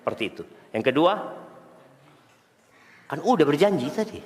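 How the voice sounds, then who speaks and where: A man preaching a sermon, animated and quizzing the congregation, recorded in a mosque hall. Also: a little high, normal speed. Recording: echoey hall.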